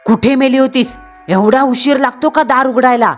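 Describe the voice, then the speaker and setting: A woman's voice: fairly high pitch, expressive, unhurried, soft background music. A woman voicing a raging possessed husband. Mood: furious. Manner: harsh shouting, scolding.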